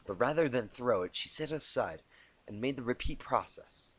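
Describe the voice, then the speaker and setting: With a mid-range, fairly bright voice that has a breathy edge and lively intonation, this man reads fan fiction aloud at normal speed. He's self-deprecating, trips over words and fixes them, and drops asides along the way, all recorded on a cheap home mic.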